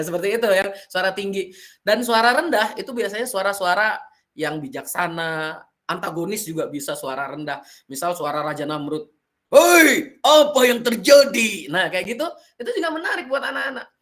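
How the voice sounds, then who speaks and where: A man giving a lively storytelling workshop to students at a school, often breaking into character voices and sound effects to show his tips. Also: high voice. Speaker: storytelling trainer. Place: school event.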